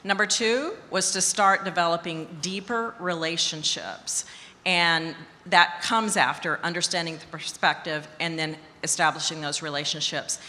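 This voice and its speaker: Low-voiced, bright executive woman on a panel. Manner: measured, listing points in order. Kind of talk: panel discussion. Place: conference hall stage. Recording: long reverb of a conference hall.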